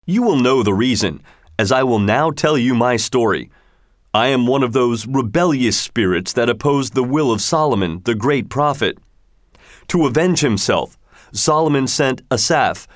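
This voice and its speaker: Vengeful genie spirit, stern and commanding, slow and deliberate, read by a man, dry close sound. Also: medium pitch, no echo, close to an everyday voice.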